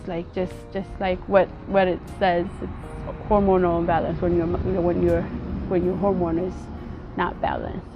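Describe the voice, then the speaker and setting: Woman, earnest vlogger, halting and repetitive, slightly muffled outdoor audio, faint music underneath. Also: medium pitch. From Ethiopia. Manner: earnest, halting, often repeats words. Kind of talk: casual personal vlog talk.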